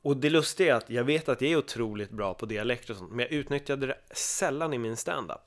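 Podcast guest, man from Sweden, animated storyteller who slips into other people's voices. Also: medium pitch. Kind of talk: casual podcast chat.

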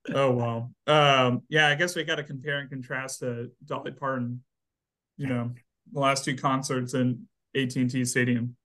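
A man co-hosting a casual sports podcast, chatty and quick to laugh. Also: medium pitch, flat delivery, bright, forceful tone. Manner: laughs often, loose and chatty. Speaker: podcast co-host.

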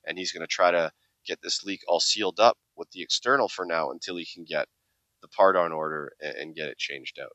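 Deep, bright-edged man pitching a product. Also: fairly quick, dry recording. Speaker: product presenter. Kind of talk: promotional talk. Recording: dry, slightly muffled sound.

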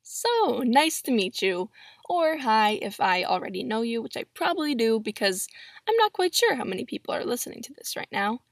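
A seventeen-year-old solo podcast host chats in a fairly high, sing-song voice at a brisk pace. She uses her laptop's built-in mic inside a closet padded with pillows, producing clean studio sound without echo.

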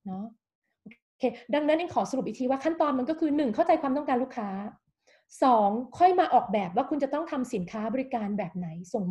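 A woman's voice: high-pitched, mellow. A woman guest on a talk show, explaining her work in a persuasive way and often checking that the listener follows. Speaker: guest, managing director of a design firm.

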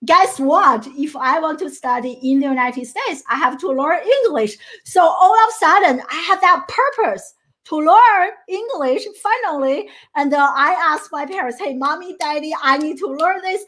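This middle-aged Chinese woman coaches her audience earnestly at a moderate pace, her high voice expressive and a bit bright, her Chinese accent clear. She often restarts phrases and tags lines with "right?" to check in.

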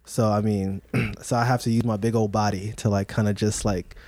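Dad chatting loose and jokey, lowish dark voice, dry close mic. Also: male voice, flat delivery, moderate pace, no room sound. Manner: joking, slangy, rambling with many fillers. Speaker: podcast co-host, father. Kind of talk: casual chat.

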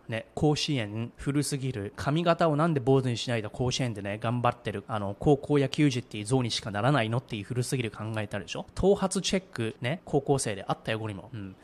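Blunt guy ranting casually, talks super fast, mid pitch, kinda slangy. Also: darkish tone. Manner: blunt and slangy, repeating "equals" chains. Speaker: commentator. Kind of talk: casual monologue on culture and values.

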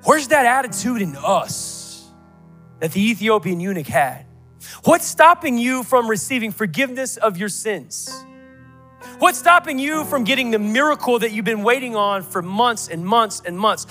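High, bright-voiced pastor preaching emphatically. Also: male voice, animated, normal speed, soft background music. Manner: emphatic preaching with rhetorical questions and builds. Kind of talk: sermon.

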